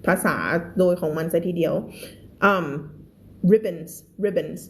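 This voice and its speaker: A woman teaching reading on a live stream. She is chatty and playful, laughs at herself, and reads sentences slowly, word by word. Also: fairly low pitch, creaky, slight background noise.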